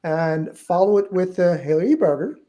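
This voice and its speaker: The host of this live book-sales stream, a middle-aged man who founded the company and speaks with a Turkish accent, introduces the show while joking, chatting, and correcting himself. His voice is high, animated, and mellow, at a moderate pace.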